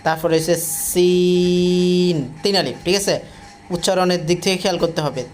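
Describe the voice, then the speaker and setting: A man with a Bangladeshi Bengali accent teaching the Arabic alphabet, stretching each letter name slowly and repeating it. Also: sits high. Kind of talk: slow teaching with drawn-out demonstrations.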